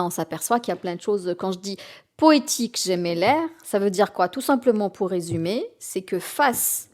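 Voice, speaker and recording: A woman, an author being interviewed on the radio, who speaks hesitantly with many fillers and restarts. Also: medium pitch. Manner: mixes in Algerian Arabic phrases. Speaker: guest author.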